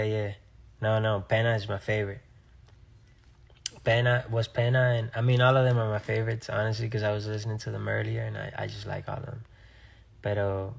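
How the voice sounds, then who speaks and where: Young man from Rhode Island, a singer doing live-stream Q&A, gravelly and laid-back. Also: on the low side. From Rhode Island, USA. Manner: relaxed, reads viewer questions aloud and answers offhandedly. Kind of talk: casual live-stream chat answering viewer comments.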